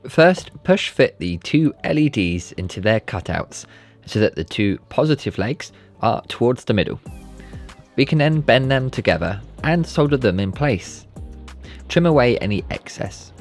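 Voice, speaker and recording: Very animated yet measured in pace, a man with a medium-pitched voice presents a scripted maker-channel tutorial. He gives methodical, step-by-step instructions while background music plays.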